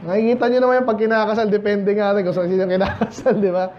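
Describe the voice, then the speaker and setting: High-voiced Filipino preacher joking with the flock. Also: male voice, level tone, fast, dull audio, slight background noise. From Philippines. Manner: conversational, joking with the congregation. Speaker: pastor. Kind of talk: midweek Bible study sermon. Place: church.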